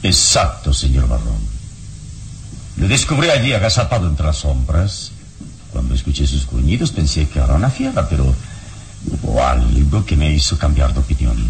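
In a vintage radio drama, a male actor plays Kalimán, a deep, calm, heroic adult mystic adventurer, using an exaggerated voice with vocal fry over poor audio. He recounts events calmly, in a measured, composed, explanatory storytelling style.

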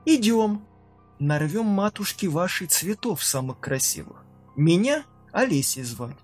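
A cunning witch woman coaxes in a soft, sweet voice, as a male narrator puts her on. Her voice sits a little high. She is part of a spoken horror story. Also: big pitch swings, measured pace, faint music behind, full character voice. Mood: coaxing. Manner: soft, coaxing, hushed. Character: sly young-looking witch woman, cunning and weary.

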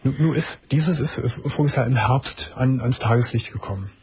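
A man hosting a late-night radio call-in, who asks calm, empathetic questions and murmurs gentle agreement. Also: mid-range voice, normal speed, husky. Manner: gentle, with frequent affirming murmurs. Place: radio studio.

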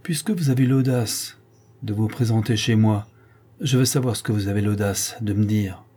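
A man's voice: fairly low pitch, normal speed, warm tone, husky. A man voicing a haughty male banker who speaks harshly and coldly in a read-aloud novel. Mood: stern. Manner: harsh, cold, menacing.

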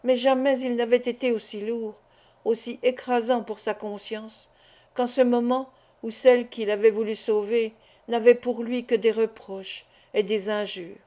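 Brief: female audiobook narrator, measured steady reading, fairly high mellow voice. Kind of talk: scripted narration of a classic novel.

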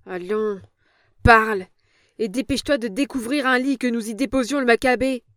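A woman's voice: a little high, normal speed, fairly bright tone, no room sound, clean studio sound, voice pushed up, natural voice. A woman playing a brutal, scheming villain. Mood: furious, brutal. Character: brutal scheming male villain, middle-aged.

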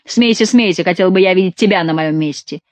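A woman's voice: on the low side, fairly quick, darkish tone, no room sound, natural voice. A woman voicing a hot-tempered young male courtier who curses angrily. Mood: furious. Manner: angry, cursing.

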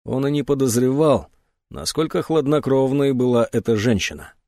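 A man narrating an audiobook in an expressive, dramatic reading. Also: mid-range voice, normal speed, no echo, clean studio sound. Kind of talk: scripted narration.

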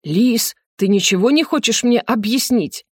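A woman's voice: fairly high pitch, animated, a little slow, breathy edge, no echo, studio quality, pitched above the performer's own voice. A woman voicing a bewildered older nobleman questioning his daughter. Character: flustered older nobleman father.

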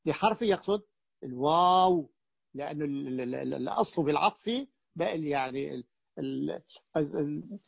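A man teaching a class, explaining a classical grammar text, questioning his students and repeating points with halting restarts. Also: a little high, creaky, husky, no room sound. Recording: dull, dry lo-fi recording.

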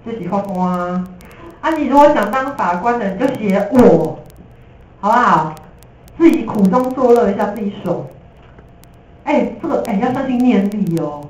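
A woman teacher with a Taiwanese Mandarin accent gives a lively, jokey classroom lecture, slipping in English terms. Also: mid-range voice, normal speed. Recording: echoey room from a distance.

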